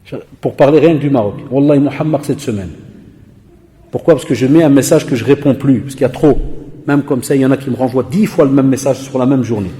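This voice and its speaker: A man's voice: medium pitch, fast, dark tone. A man giving an anecdotal sermon as a religion teacher, acting out dialogues and dropping Arabic expressions. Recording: long hall reverb.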